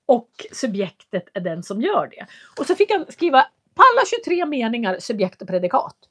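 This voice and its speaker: A woman teaching in a live lesson, answering viewers and speaking clearly, with careful articulation and a patient, explanatory manner. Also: fairly high pitch, sing-song, a bit bright. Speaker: Swedish teacher.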